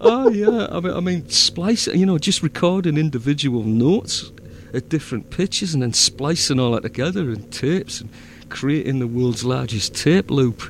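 A man's voice: fairly high pitch, big pitch swings, moderate pace, slight background noise. A man with a Northern English accent chatting casually, rambling with lots of fillers and restarts. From north of England. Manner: rambling, many fillers and restarts, easy laughter. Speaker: fan audio drama producer. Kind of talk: casual chat.

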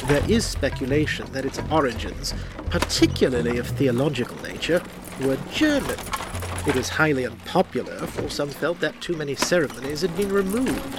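A man playing a pedantic, formal English gentleman scholar with a British accent and understated manner in an audio drama. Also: medium pitch, lightly acted.

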